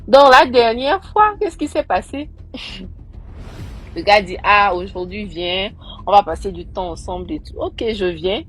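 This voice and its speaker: A woman's voice: mid-range voice, a little slow, faint music behind. A young woman casually recounting a personal story, acting out the people she quotes. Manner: animated, acting out quoted voices.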